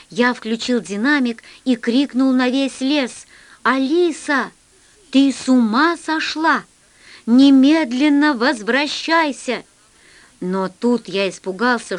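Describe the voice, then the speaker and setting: A woman narrating a children's science fiction story in an expressive storytelling manner. Her voice sits fairly high. Her reading is scripted and even. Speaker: audiobook reader.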